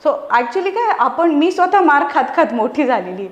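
A woman's voice: high-pitched, moderate pace, muffled recording. A woman, a guest parent talking earnestly and with animation in a casual conversation. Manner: earnest, animated, explaining with examples. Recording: echoey room.

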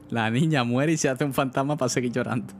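A man's voice: medium pitch, a little mellow. A young man gives casual, swearing livestream commentary while playing, often asking his viewers what to do. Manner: casual, chatty, asks chat often, swears. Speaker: streamer.

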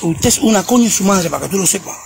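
A man's voice: high-pitched, animated, racing, vocal fry, a little hiss or hum. A man, ranting and hurling repeated insults during a phone livestream. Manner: insulting, repetitive, mocking. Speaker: social media livestreamer.

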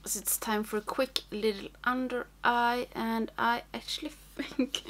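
In a casual tutorial chat, a young non-native English speaker does her makeup in a small home room lined with makeup shelves. Her medium-pitched voice is fairly bright, with a little hiss or hum in the recording, as she rambles, thinks aloud, and frequently whispers while working.

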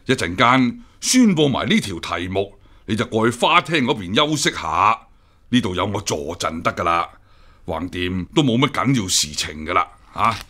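The same kind of role, a senior imperial examiner voiced with a Hong Kong accent in a Cantonese radio drama, is delivered at a moderate pace in an exaggerated voice. He sounds husky and forceful, his pitch very lively, his speech formal and smooth, and though guarded and easily offended, he stays courteous and composed.

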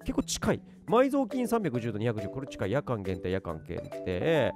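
Animated man narrating a game over music. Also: medium pitch, moderate pace. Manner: animated, talks to himself, jumps from muttering to excited outbursts. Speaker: game streamer. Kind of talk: let's play commentary.

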